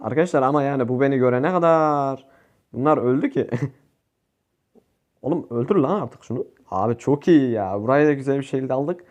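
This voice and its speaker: A young man giving casual gameplay commentary, excitable and swearing at his teammates. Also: mid-range voice, normal speed, pauses often, highs cut off. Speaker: gaming youtuber.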